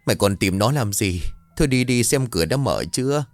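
A man voicing a scrawny small-time male gang boss who talks rough and curses, with a melodramatic streak. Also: mid-range voice, expressive, fairly quick, no room sound, soft background music, lightly acted. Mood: grumpy.

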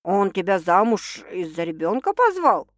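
A woman's voice: medium pitch, sing-song, normal speed, no room sound, studio quality, lightly acted. A woman voicing a blunt, skeptical older sister who talks in brash slang in an audiobook.

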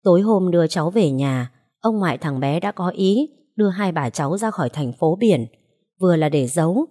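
A woman narrating an audiobook story in a steady, expressive way. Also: fairly low pitch.

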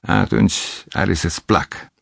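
A man reading an audiobook, voicing an old woman who runs a house of fortune, speaking quietly and without hurry. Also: low voice, gravelly, husky, dry recording, clean studio sound, heavily acted. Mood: calm. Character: old fortune-house madam, calm and knowing.

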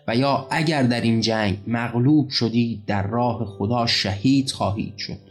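A man narrating an audiobook, voicing a young male leader who preaches holy war to his followers in slow, solemn, commanding oratory. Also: medium pitch, lightly acted.

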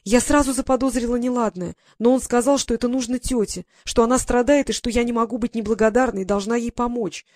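A woman's voice: mid-range voice, a little fast, darkish tone, no room sound, studio quality, lightly acted. A reader voicing a frightened, naive young English lady who pleads and holds back tears. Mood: tearful. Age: young adult. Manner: pleading, tearful.

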